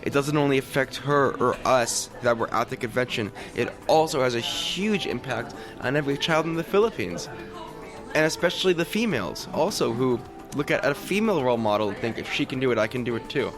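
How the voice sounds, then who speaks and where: A man from Los Angeles, a podcast guest, talking in an animated, casual way with many restarts. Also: medium pitch, fairly quick, music in the background. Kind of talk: casual interview chat.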